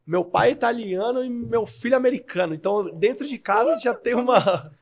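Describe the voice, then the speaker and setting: A man's voice: very high-pitched, brisk, vocal fry. A man with a São Paulo Brazilian Portuguese accent, a guest in a podcast interview who makes his points emphatically and step by step. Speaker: guest, sales manager.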